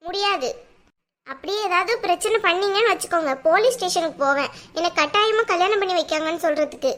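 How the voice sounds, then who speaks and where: A woman's voice: very high voice, lively intonation, fast, fairly bright tone. A woman voicing a stubborn, defiant young daughter in a cartoon who talks back curtly. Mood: firm. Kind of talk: cartoon voice acting.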